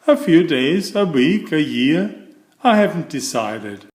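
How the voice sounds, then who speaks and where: A man's voice: a little high, big pitch swings, slow pace, voice pushed up. A man voicing a cheerful, carefree, messy and clumsy storybook man, with a breezy, casual manner. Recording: echoey room.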